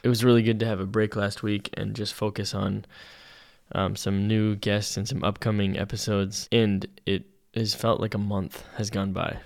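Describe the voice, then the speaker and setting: A man from Canada hosting a podcast, talking in a relaxed, reflective way. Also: lowish voice, moderate pace, creaky. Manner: relaxed, reflective, talks through thoughts with fillers. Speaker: podcast host. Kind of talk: casual podcast interview.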